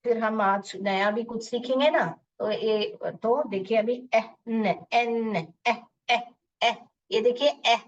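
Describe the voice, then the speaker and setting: Slow-drilling woman teacher, distant lo-fi sound. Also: a little high, steady tone. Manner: drills sounds slowly, letter by letter; mixes Hindi explanations with English words. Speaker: online phonics teacher. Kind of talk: live online class for children. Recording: dull distant lo-fi audio.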